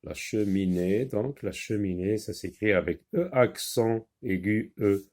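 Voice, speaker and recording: A man teaching a primary-school French reading lesson, sounding out words syllable by syllable, repeating them, and pausing with "euh" while he explains. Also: fairly low pitch, a little mellow.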